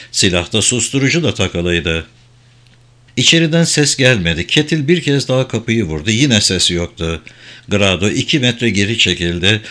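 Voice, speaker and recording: A man reading a crime novel aloud as a steady, even audiobook narrator. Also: on the low side. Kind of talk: scripted narration.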